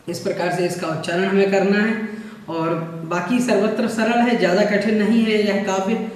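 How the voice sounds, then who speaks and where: A man with a fairly high voice teaches at an unhurried pace, patiently repeating each word until the pronunciation is right. He sits back from the microphone, and the room around him rings with a long, hollow reverb. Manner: slow, patient explaining, repeats words for pronunciation. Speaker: religious teacher. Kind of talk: online scripture class. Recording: echoey room, voice from far off.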